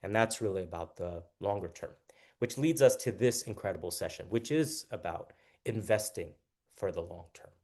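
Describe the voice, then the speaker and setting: A man's voice: low-pitched, normal speed, mellow. A man moderating a panel discussion, introducing the guests with enthusiasm and frequent restarts.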